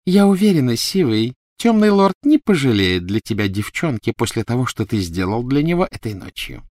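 A male narrator voicing a cruel, gloating female dark witch in an audiobook. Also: sing-song, normal speed, no echo, studio quality, natural voice. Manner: sneering, shrill and spiteful.

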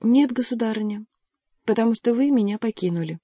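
A woman's voice: fairly high pitch, fairly quick, dark tone, no room sound, pitched above the performer's own voice, natural voice. A woman reading the part of a proud young prince who answers curtly and defiantly. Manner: proud, curt.

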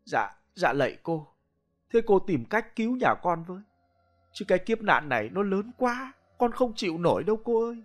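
Brief: male narrator voicing a terrified villager, high and frantic. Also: big pitch swings, normal speed, soft background music. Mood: pleading. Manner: frantic, pleading. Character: panicked stubborn old village man.

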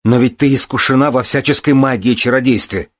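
A man voicing a grief-stricken young man who shouts furious accusations. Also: mid-range voice, fairly quick, pitched above the performer's own voice, natural voice. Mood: furious shouting. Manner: shouting, frantic.

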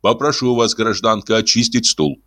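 A man's voice: fairly low pitch, steady tone, moderate pace, a bit bright, no echo, pitched above the performer's own voice, lightly acted. A man voicing a cool, stern conman who speaks in curt, commanding phrases with dry irony, in an audiobook. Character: cool, stern smooth-talking male conman. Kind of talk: audiobook character voice.

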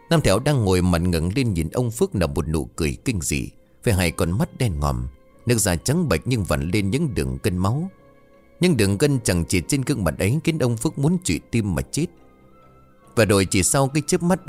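Male ghost-story narrator, low pitch, lively suspenseful delivery, faint music.

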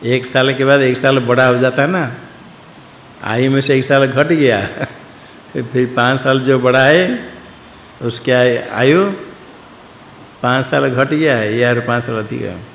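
A man teaches scripture with a slow, unhurried delivery and a gravelly edge to his voice. He explains each word in turn and asks his listeners questions. The recording sounds echoey, like a long hall, with faint noise underneath. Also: medium pitch, fairly even intonation, fairly bright tone. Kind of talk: scripture commentary lesson.

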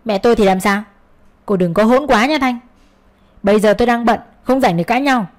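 A woman's voice: a little high, a little fast, natural voice. A woman voicing an irritated, dismissive young husband in an audio story, in a voice close to her own. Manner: cold, dismissive.

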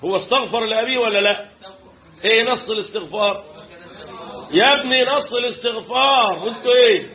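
A man with an Egyptian accent teaching a religious lesson, asking his listeners questions and answering them himself, reciting verses slowly. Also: very high-pitched. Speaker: Islamic teacher explaining Quran commentary. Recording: tinny phone-like recording with faint noise.

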